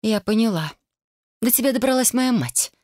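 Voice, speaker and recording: A woman reading the book lifts her voice into a young female student, impulsive and quick to take offense. She exclaims and stumbles over her words in a raised, flustered voice. The sound is dry and close. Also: medium pitch, animated, no room sound, voice pushed up, lightly acted. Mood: indignant. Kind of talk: audiobook character voice.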